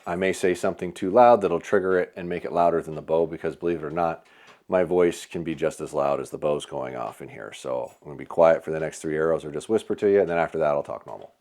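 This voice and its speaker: A man's voice: rumbling low, fast, a little mellow. A man reviewing a bow indoors at an archery shop range, casually thinking aloud as he reads off measurements. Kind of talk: hands-on product testing talk.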